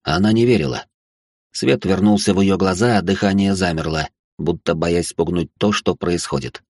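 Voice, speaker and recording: Low husky male audiobook narrator. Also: normal speed, a little mellow, no room sound, clean studio sound. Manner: wry, conversational inner monologue. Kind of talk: first-person novel narration.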